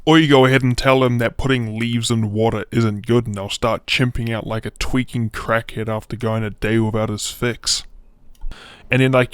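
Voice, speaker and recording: A male YouTuber delivers a crude comedic rant in a sarcastic, mock-earnest tone. His voice sits at a mid pitch and is recorded close, in a dry space with no room sound. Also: clean tone, no room sound.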